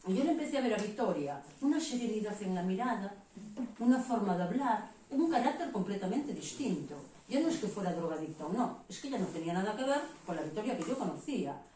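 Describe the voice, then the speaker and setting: A Spanish-woman preacher gives a frank, animated testimony and slips into the voices of the people she quotes. Her voice echoes heavily through a church hall and sounds distant from the mic. A faint hum of the room sits underneath. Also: mid-range voice. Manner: candid and animated, quoting herself and others. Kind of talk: testimony sermon.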